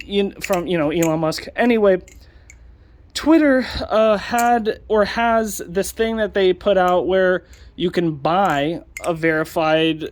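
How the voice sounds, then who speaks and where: Young man, casual vlog commentary, sarcastic rant, filler-heavy. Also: sits high. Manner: ranting, sarcastic, many fillers. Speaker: channel host.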